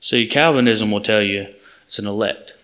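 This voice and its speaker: Speaking at a moderate pace, a male preacher gives a sermon with a bright, forceful tone. His voice sits slightly low, his manner is earnest and plain, and he often breaks off mid-sentence to begin again.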